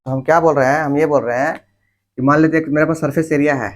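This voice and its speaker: A man's voice: fairly high pitch, steady tone, fast. A male teacher giving a class lecture, repeating key words and asking the class questions that he answers himself. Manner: repetitive, asks questions and answers them himself; informal, addresses students directly.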